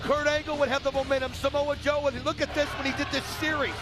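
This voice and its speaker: A man calls a wrestling match as an excited color commentator, his voice pitched extremely high. He exclaims his way through the commentary, with a loud crowd and music behind him. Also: fast. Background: arena crowd and music.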